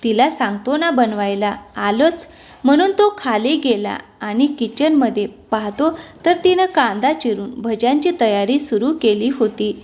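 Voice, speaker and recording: A woman narrating a family story aloud in a steady, expressive reading voice. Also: a little high.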